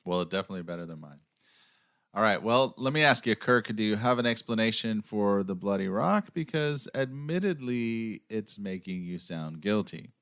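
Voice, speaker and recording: A man's voice: on the low side, expressive, normal speed, fairly bright tone, clean tone. An American man hosting a true-crime podcast, reading scripted narration in a dry, sarcastic way between banter. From United States. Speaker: podcast host.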